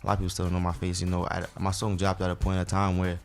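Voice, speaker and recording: This Barbadian soca artist talks very fast in a low, monotone, slightly dark voice. His accent mixes Bajan with American, and his interview answers wander along easily, full of filler words.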